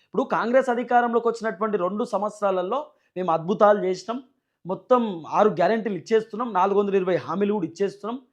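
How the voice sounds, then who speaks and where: Speaking fast with a high voice, a man with a Telangana Telugu accent offers political commentary as a news channel host. He leans on rhetorical questions and repeats himself emphatically, over slightly dull, lo-fi sound.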